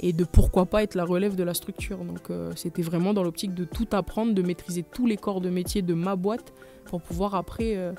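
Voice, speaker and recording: A woman's voice: lowish voice, fairly even intonation, fairly quick, dark tone, faint music behind. A woman, a company manager explaining her path earnestly in a radio studio interview. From New Caledonia. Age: 20s.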